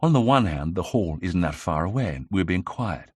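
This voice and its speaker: Man as a young 1920s gentleman detective, brisk, theorizing, low husky voice, dry recording. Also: lively intonation, no echo. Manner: brisk, self-assured. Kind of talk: audiobook character reading.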